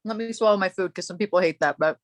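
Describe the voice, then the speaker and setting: A woman's voice: mid-range voice, quick pace, no room sound. A woman hosting a casual chat, telling a long story in a rambling way, breaking off and laughing often. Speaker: podcast host.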